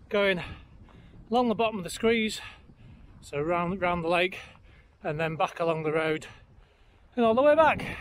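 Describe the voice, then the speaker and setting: A middle-aged man talking casually to camera while running outdoors, active and exerted, as he films a vlog. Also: high voice. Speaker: running vlogger. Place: outdoors on open fell trail by a lake. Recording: clear outdoor background noise.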